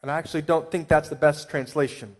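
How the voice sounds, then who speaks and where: A male pastor preaching a sermon with emphatic swells and quiet asides. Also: fairly high pitch, fairly even intonation, quick pace. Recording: long hall reverb.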